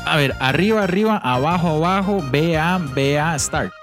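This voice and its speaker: Man, Costa Rican accent, slangy, excited gameplay chat, game music behind. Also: fairly high pitch, normal speed. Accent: Costa Rican Spanish. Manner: excited, slangy, mixes in English words. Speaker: co-host.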